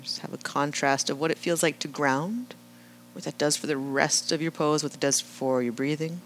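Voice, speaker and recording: A woman leading a live yoga class, calmly cueing breath and movement and often checking in with "right?". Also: low voice, normal speed, a little hiss or hum. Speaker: yoga instructor.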